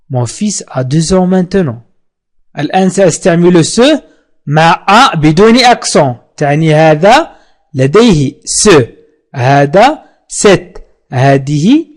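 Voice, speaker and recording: A man giving a French lesson for beginners, repeating each word slowly and translating it into Arabic. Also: a little high, very animated. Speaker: French teacher. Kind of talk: slow bilingual language lesson.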